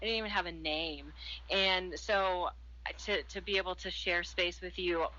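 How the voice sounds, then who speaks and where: A woman hosting a radio chat show, gushing and enthusiastic as she rambles through her welcome. Her voice is bright and forceful, sitting a little low, and the recording sounds muffled and lo-fi. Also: fairly even intonation, moderate pace.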